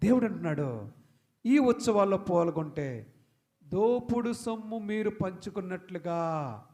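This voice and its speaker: A man's voice: high-pitched, lively intonation, a little slow, dark tone. A male pastor delivering an emphatic sermon, calling on the congregation to respond and acting out Bible characters in dialogue. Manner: emphatic preaching with call-and-response.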